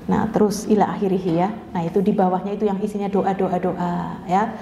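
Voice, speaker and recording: A woman's voice: on the low side, level tone, brisk, gravelly, background noise. Chatty woman teacher in an echoey hall. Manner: chatty, keeps checking in with listeners. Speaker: religious teacher. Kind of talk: religious study lecture. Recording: echoey hall with long reverb, dull sound.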